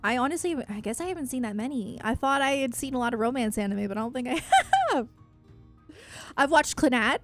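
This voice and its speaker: Answering viewers on a livestream, a woman with a fairly high voice chats casually, rambling and gushing with self-deprecating humor.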